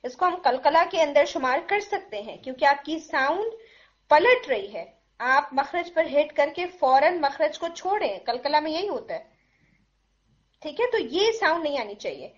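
High-voiced woman teaching recitation. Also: sing-song, lo-fi sound. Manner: explains patiently, demonstrating sounds slowly; mixes English phrases into Urdu. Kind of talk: tajweed pronunciation lesson.

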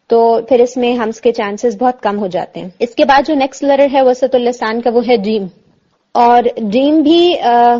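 A woman teaching Quranic pronunciation, patiently explaining and slowly demonstrating letter sounds. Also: fairly high pitch, mellow, highs cut off. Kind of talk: tajweed lesson explaining articulation.

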